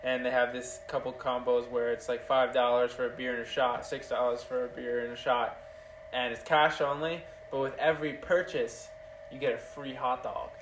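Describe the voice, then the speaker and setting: A man's voice: mid-range voice, little pitch movement, moderate pace, slight background noise. A young man hosting a podcast, telling a long, loose story with casual swearing and lots of filler. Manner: rambling storyteller, loose and profane. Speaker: podcast host. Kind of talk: casual chat. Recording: roomy, distant mic, faint ambience.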